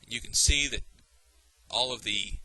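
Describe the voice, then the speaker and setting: A man teaching a software tutorial, explaining patiently step by step with small fillers and restarts. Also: mid-range voice, unhurried, slightly rough, no echo, low-quality recording. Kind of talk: screencast tutorial.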